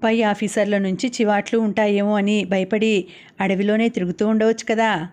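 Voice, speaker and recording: A woman's voice: mid-range voice, flat delivery, moderate pace, darkish tone, natural voice. A woman reading the lines of a mischievous, spirited young woman in an audiobook novel. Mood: coy. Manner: playful, coy.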